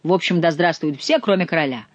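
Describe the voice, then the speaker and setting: A woman's voice: fairly low pitch, fast, dry recording, muffled recording, close to an everyday voice. A woman voicing an indignant male courtier in torn clothes who complains to his king in an audiobook.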